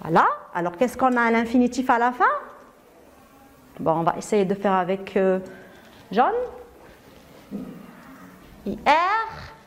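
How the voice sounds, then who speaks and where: A woman's voice: a little high, normal speed, long pauses. A woman from Morocco with a Moroccan accent, teaching a primary grammar lesson, asking pupils questions and praising their answers.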